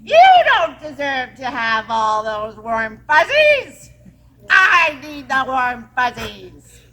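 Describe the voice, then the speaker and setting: A woman putting on a loud, eerie, prickly witch. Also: sits high, big pitch swings, a crowd in the background, full character voice. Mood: greedy, demanding. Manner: loud, drawn-out, shouted demands. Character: cold prickly eerie witch, greedy and demanding. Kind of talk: storytelling to a camp audience.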